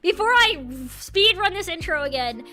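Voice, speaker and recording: A woman streamer chatting casually with viewers in a cute, playful anime-streamer manner, jumping between excited squeals, loud shouts and quieter muttering. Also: very high-pitched, normal speed, over loud music. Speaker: streamer and host of a live stream.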